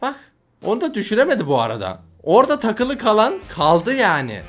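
Male reaction host, animated and exclaiming, very lively pitch, soft music bed underneath. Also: brisk. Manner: animated, exclaiming, groaning at mishaps. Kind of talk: casual reaction commentary.

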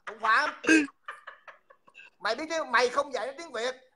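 A man's voice: very high-pitched, fast talker, pushed and bright, a little hiss or hum. A man, hosting a livestream and mockingly insulting someone over and over. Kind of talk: heated livestream taunting.

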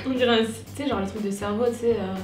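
A woman in her twenties chatting casually in slangy, expressive, giggly speech as she hosts a challenge. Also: on the high side, quick pace, distant mic, a little hiss or hum. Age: 20s. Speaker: video challenge host. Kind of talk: casual chat. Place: living room, indoors. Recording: echoey living room, music behind.

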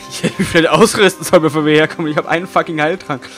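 A man giving casual commentary over his own gameplay. He is excitable, swears often, and swings between quiet mumbling and loud outbursts. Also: on the high side, fast, soft background music. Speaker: let's play gamer.

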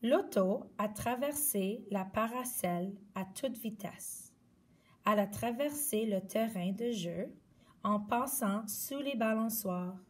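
A woman reading a children's picture book aloud slowly and expressively. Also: mid-range voice, distant mic, slight background noise. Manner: slow, clear, expressive read-aloud. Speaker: storyteller.

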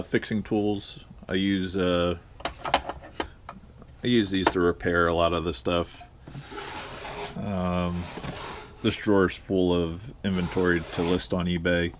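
A man's voice: low voice, flat delivery, slow, long pauses, noisy background. A man giving a casual tour of his small home workroom, rambling with many fillers, recorded on a head-mounted camera. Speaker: online reseller. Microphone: head-mounted action camera.

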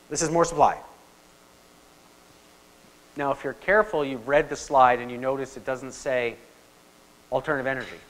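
A man giving an animated conference talk to an audience. His voice sits high and he keeps asking the crowd questions. He mixes explanation with stories. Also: rough recording. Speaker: guest speaker on investing.

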